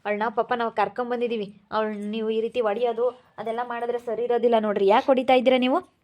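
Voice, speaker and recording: A woman's voice: on the high side, flat delivery, fast talker, muffled recording, natural voice. A woman playing a middle-aged uncle who firmly defends his niece in an amateur family drama. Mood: scolding. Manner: firm, scolding, then protective.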